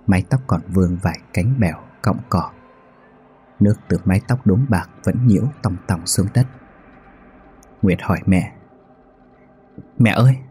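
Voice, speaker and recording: Husky low-voiced male storyteller. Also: mellow. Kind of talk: scripted narration of a ghost story.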